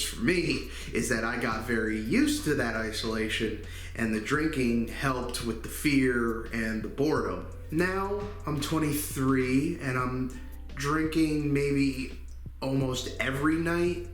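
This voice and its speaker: Guy in his 20s doing a personal vlog, kinda halting, lotta uh's, roomy echo. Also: medium pitch, a bit bright. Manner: candid, halting, many fillers. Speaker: channel host. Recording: echoey room.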